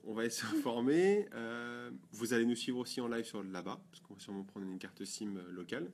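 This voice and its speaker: A man's voice: mid-range voice, fairly quick, a little mellow, a little hiss or hum. A man co-hosting a photography blog video, chatting casually and rambling with fillers and restarts. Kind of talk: casual chat.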